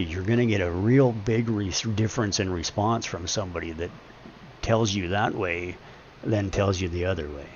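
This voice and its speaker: Deep, gravelly man in his forties, streamer musing earnestly off the cuff; muffled mic with faint room hum. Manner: earnest, rambling, philosophizing. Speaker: live streamer. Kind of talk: casual reflective monologue.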